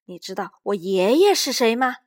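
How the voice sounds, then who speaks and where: A woman voicing a pompous, indignant gentleman in a storybook reading, blustering and shouting. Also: on the high side, big pitch swings, moderate pace.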